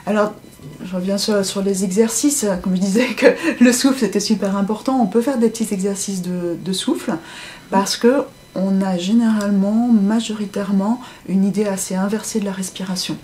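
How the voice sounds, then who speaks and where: With a little hiss or hum in the background, a woman with a mid-range, dark-toned voice talks at normal speed. She's a voice coach being interviewed about how speech works, and she illustrates her points by performing example phrases in different voices and tones.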